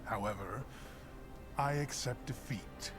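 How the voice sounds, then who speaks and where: An actor playing a gracious, formal male ruler of a hellish domain in an animated series, speaking in a measured, polite way. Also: medium pitch, over loud music, lightly acted.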